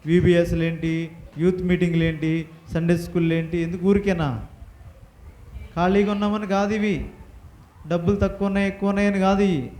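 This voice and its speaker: High-voiced man quizzing kids in an echoey hall. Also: level tone. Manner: quizzing the class with rapid questions; commanding the kids to repeat and answer loudly. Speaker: Bible school teacher. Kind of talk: interactive Bible lesson for children. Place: church hall with children.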